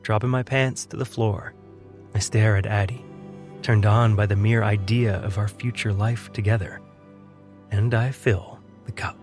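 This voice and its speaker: A man giving first-person audiobook narration of a thriller in a calm, measured, quietly menacing way. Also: on the low side, music in the background.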